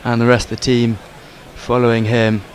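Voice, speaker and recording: A man doing cricket commentary, describing the scene in a flat, even way. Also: mid-range voice, moderate pace, a little hiss or hum.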